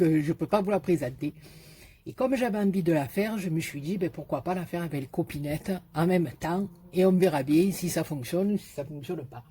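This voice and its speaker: A woman with a Marseille French accent hosting a casual scrapbooking tutorial, chatty and joking, and repeating the measurements slowly. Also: sits low, mellow, husky. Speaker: scrapbooking video host.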